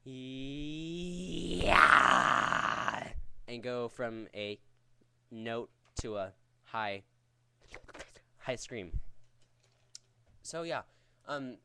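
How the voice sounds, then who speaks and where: A man's voice: medium pitch, very slow, long pauses, fairly bright tone, a little hiss or hum. A man giving a casual, rambling vocal technique tutorial in a crude, jokey, profane way. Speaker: vocal tutorial host teaching screaming technique.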